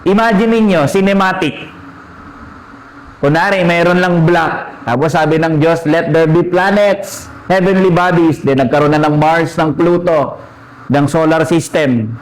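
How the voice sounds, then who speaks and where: Slightly high-voiced man preaching. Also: rough recording. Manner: switches between Tagalog and English, slows down to read Bible verses; asks questions and answers them himself. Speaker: pastor. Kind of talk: Bible teaching sermon.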